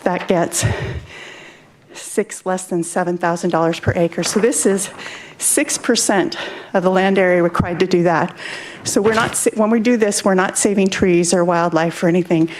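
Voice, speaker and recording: A woman's voice: fairly low pitch, steady tone, moderate pace, slight background noise. A woman speaking at a city council public comment, out of breath and drifting away from the mic as she demonstrates. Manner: moves around while talking, drifting off the mic.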